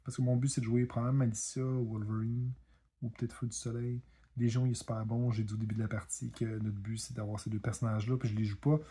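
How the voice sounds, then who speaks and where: A man's voice: medium pitch, little pitch movement, fast, warm tone, breathy edge. Québécois man narrating a card game. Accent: Québécois French. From Quebec. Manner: self-deprecating, apologetic, laughs at his own mistakes. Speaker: board game video host. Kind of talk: casual commentary while playing a card game.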